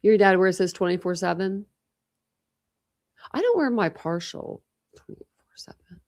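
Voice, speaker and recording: A woman in her forties hosts a casual true crime livestream, chatting with viewers and thinking aloud as she rambles. A dental retainer gives her a slight lisp. Her mid-range voice has lively intonation, a measured pace, and a slightly mellow quality.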